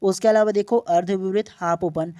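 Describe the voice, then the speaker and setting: A man's voice: high voice, fairly even intonation, normal speed, warm tone, no echo. A man teaching an online exam-prep language lesson, explaining patiently, stretching out example vowel sounds and often checking in with his students. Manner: checks in often with short "okay?" tags.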